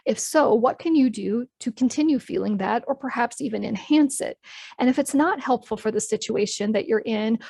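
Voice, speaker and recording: A higher-voiced woman guides an online training session. She explains things in a candid, personal manner. The sound is dry and close. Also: gravelly, a little mellow, husky, no room sound. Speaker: workshop presenter. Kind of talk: live online training talk.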